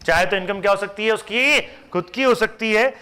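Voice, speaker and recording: A man teaching a tax class, lively and chatty, mixing Hindi with English terms and answering his own rhetorical questions. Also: sits high, moderate pace, smooth. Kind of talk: classroom lecture.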